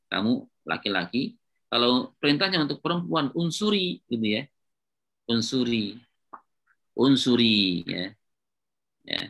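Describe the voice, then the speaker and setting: Man, Arabic grammar lesson, lowish pitch, bright tone, patient and repetitive. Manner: patient, repetitive, checks with students often. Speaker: Islamic teacher of Arabic grammar. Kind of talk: classroom lecture at a whiteboard.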